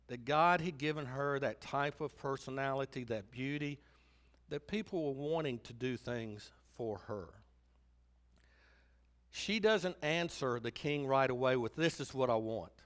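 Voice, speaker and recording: A man's voice: medium pitch, measured pace. A man preaching a sermon as pastor, telling stories animatedly and acting out the quotes. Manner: animated storytelling, acts out quotes.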